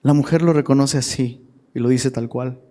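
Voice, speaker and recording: A man's voice: medium pitch, fairly even intonation, moderate pace, mellow. A man preaching a casual sermon to a live audience as a youth pastor, slangy and chatty, often asking the crowd questions. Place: church hall. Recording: long hall reverb.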